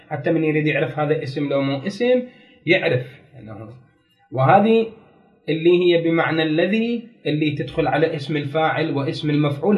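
A man's voice: a little high, lo-fi sound. A man teaching a grammar lesson, explaining step by step, repeating key terms and putting questions to his students. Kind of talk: classroom lecture.

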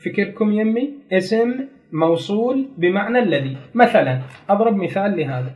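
A man gives a grammar lecture fairly quickly in an expressive, high-sitting voice, explaining each step, restating key terms, and quizzing his students. The recording sounds muffled.

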